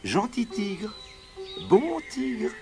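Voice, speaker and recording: A man voicing a shy young boy who wants to be brave, in a high, eager voice. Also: steady tone, very slow, gravelly, music in the background, heavily acted.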